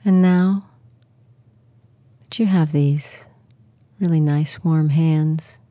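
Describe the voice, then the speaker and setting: Her voice is low, mellow and steady as she slowly leads a guided relaxation with soft, calming instructions. The close recording carries no echo or room sound at all.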